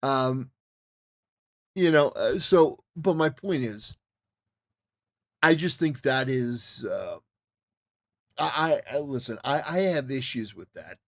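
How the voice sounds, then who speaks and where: A man reacts to a clip on a livestream, giving casual, opinionated commentary that's emphatic, repetitive and stop-start. His medium-pitched voice has lively intonation, and he takes it slowly, pausing often.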